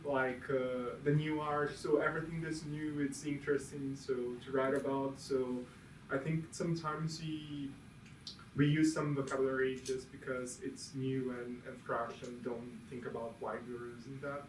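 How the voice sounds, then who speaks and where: A man whose first language is Portuguese speaks on a panel, hesitating and searching for words. His voice is mid-pitched and heard from a distance in an echoey room. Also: flat delivery, normal speed, slight background noise. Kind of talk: panel discussion. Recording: echoey room, far from mic.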